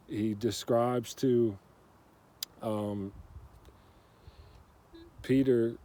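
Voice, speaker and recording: Speaking at a fairly low pitch, a man shares a laid-back devotional at church. He recounts a story in simple, ordinary words, chatting comfortably and using many fillers.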